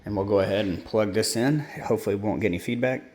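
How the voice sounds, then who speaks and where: A fairly low, slightly mellow male voice races along very fast through a rambling, informal tour of a hobbyist's homemade setup, with frequent self-corrections. Expect a roomy sound, faint ambience and slight background noise in this casual how-to.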